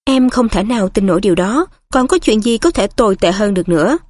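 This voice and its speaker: A woman voicing a pompous, portly middle-aged male minister who talks in a gruff, overly familiar way in a storybook reading. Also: mid-range voice, animated, fast, a little mellow, no echo, close to an everyday voice.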